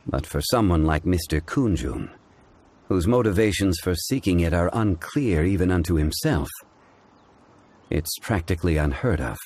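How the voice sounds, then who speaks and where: An actor playing a grave, learned gentleman in a video game, speaking in a formal, deliberate way. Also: deep voice, expressive. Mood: guarded, calm. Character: composed, learned ancient gentleman, grave and measured. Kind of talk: video game character dialogue. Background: music.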